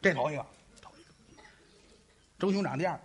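A man's voice: fairly high pitch, a little fast, husky. A man performing stage crosstalk comedy on stage, boastful and tripping over his words.

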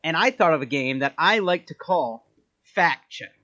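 A man's voice: a little high, animated, moderate pace, sharp tone, muffled recording. A man hosting a casual podcast quiz game, upbeat and teasing, often laughing.

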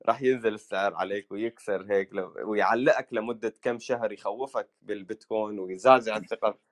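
Very fast-talking man with a Levantine accent. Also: on the low side. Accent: Levantine Arabic. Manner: mixes English words into Arabic. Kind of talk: casual chat about crypto markets.

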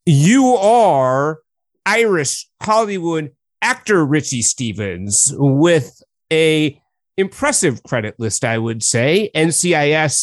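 A man's voice: a little high, no room sound, studio quality. A man hosting a recovery podcast, reading an enthusiastic scripted introduction. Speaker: podcast host. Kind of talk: scripted intro then interview.

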